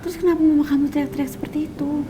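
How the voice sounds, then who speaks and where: A woman's voice: sits high, level tone, very fast, noisy background, natural voice. An actress playing a young woman who presses her boyfriend for the truth, insistent and questioning, in a TV soap drama. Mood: worried. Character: young woman Kejora, insistent worried girlfriend.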